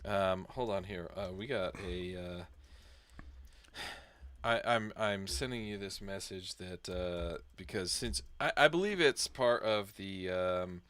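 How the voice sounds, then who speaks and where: A man co-hosting a casual podcast, easygoing and hesitant, filling pauses with ums and restarts. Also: sits low, a bit bright, dry recording. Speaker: podcast co-host. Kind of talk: casual chat.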